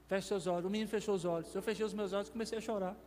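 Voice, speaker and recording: A man's voice: sits high, steady tone, racing, a little mellow, in a large hall. A male pastor with a Brazilian Portuguese accent, telling a testimony in a sermon, with emotional swells. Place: church.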